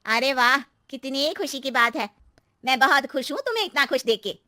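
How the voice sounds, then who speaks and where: Woman putting on a knowing, high-voiced neighbourhood aunty. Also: animated, moderate pace, sharp tone, no echo, studio quality. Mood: pleasantly nosy. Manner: emphatic, knowing, cautioning. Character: gossipy, superstitious older neighbourhood aunty, knowing and cautioning. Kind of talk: acted story dialogue.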